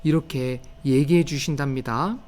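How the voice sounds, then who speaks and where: A young man giving a gentle children's sermon, telling a story and asking the little ones questions. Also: mid-range voice, normal speed. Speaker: children's pastor.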